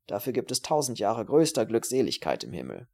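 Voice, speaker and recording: A man voicing a terse, grim male refugee, speaking a bit lower than his narration, with a dry clipped manner. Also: huge pitch swings, brisk, mellow, heavily acted. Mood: calm, firm.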